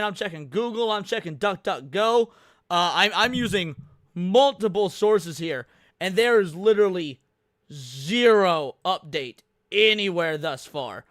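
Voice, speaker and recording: A man hosts a live reaction stream, talking bluntly with plenty of swearing and stumbling restarts. His voice is high and smooth. It is recorded close and dry, with no room sound. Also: lively intonation, a little slow, fairly bright tone, dry recording. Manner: blunt, profane, many fillers and restarts. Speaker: livestream host. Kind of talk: casual live reaction commentary.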